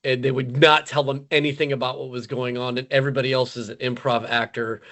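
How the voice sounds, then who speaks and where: A man's voice: mid-range voice, flat delivery, fast talker, a bit bright. A man hosts a casual film review podcast. His talk is loose and filler-heavy, and he laughs easily as he moves the chat along. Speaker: podcast host.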